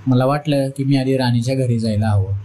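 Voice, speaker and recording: A man from Maharashtra narrating a first-person story in a plain, even reading voice. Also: mid-range voice, brisk, a little hiss or hum, poor audio. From Maharashtra, India.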